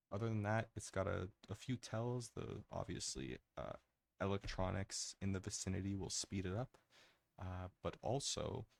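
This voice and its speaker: A man giving casual, rambling ASMR gaming commentary in a hesitant way, close to the mic. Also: dry recording. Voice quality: low, gravelly.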